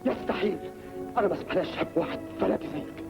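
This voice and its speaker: A man's voice: high voice, animated, very fast, creaky. An actor with an Egyptian accent playing an earnest, jealous young man in a 1950s film. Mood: reproachful. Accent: Egyptian Arabic. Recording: dull 1950s film soundtrack with music.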